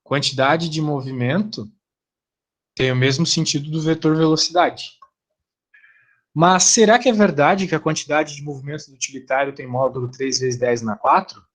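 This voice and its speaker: A man's voice: fairly high pitch, fairly even intonation, normal speed. A middle-aged Brazilian man teaching an online physics class, chatty, asking his students rhetorical questions.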